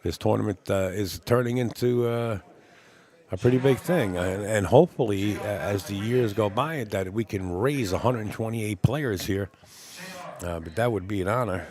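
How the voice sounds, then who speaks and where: A man with a fairly low voice gives casual live event commentary as a stream host. He talks in a chatty, folksy way, like someone swapping stories. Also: darkish tone.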